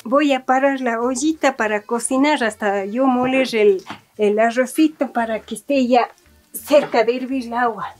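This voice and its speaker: A woman's voice: a little high, normal speed, faint music behind. A middle-aged woman with an Andean Spanish accent, talking casually to camera through a cooking demonstration in a homely way, full of fond diminutives. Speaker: vlogger demonstrating farm cooking. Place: small indoor rustic kitchen with wood fire. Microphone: handheld camera or phone nearby. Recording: clearly noisy, clicking kitchen sounds.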